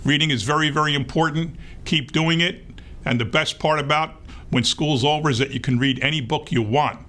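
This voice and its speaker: A man reading a picture book aloud to young children in an expressive read-aloud manner. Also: a little high, fairly quick. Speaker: storybook reader.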